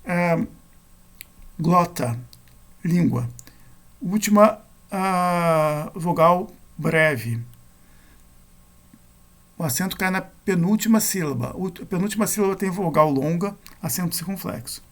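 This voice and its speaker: In a recorded lecture, a male Greek grammar teacher explains rules step by step, correcting himself methodically along the way. His voice is high-pitched and a bit bright, with lively intonation, a slow pace and long pauses.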